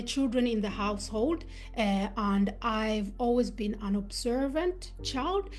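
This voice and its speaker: Born in Uganda and raised in Sweden, a woman with a medium-pitched voice hosts a live talk on self-awareness. She shares personal stories in a reflective, unhurried way, pausing as she tells them.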